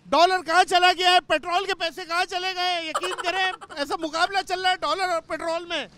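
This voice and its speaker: Mocking prank reporter man, high voice. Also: level tone, a little fast. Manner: rude, mocking, picks fights with passersby. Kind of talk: mock street interview prank. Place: busy city street outdoors. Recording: street traffic noise.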